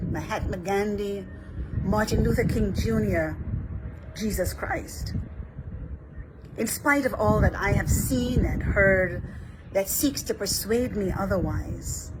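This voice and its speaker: A woman from Barbados, an Episcopal priest giving a measured, scripted reflection. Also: mid-range voice, very noisy.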